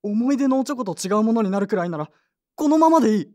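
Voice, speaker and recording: In a Japanese audio drama, a woman plays an earnest, sentimental young man who grieves and clings to memories, polite and emotional. Her voice is a little high, animated, quick and darkish, close to an everyday voice, with an earnest, wistful mood.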